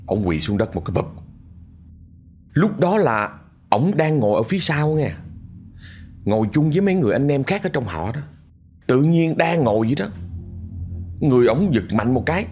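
A man's voice: lowish voice, a little mellow. A man telling a ghost story in a vivid, conversational way, often repeating words for effect.

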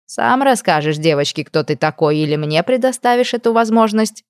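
A woman voicing a calm, amused female nymph mentor who speaks slowly and gently, in a dry, close audiobook reading. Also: medium pitch, clean tone, no echo, close to an everyday voice. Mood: gentle. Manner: slow, gentle, knowing.

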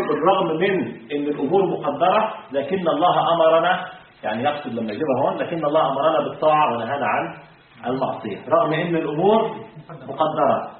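A man teaching a religious class, quizzing his students and slipping into colloquial asides, slowing down to recite the text. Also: on the high side. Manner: asks the class questions and drops into colloquial asides; slows to a deliberate pace when reciting the text. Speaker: sheikh teaching creed. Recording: distant, phone-like, echoey hall.

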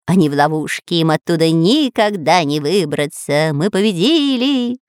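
A woman's voice: sits low, lively intonation, moderate pace, darkish tone, clean tone, dry recording, studio quality, pitched below the performer's own voice. A woman doing a gloating cartoon parrot. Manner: gleeful, gloating. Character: gloating chatty parrot henchman.

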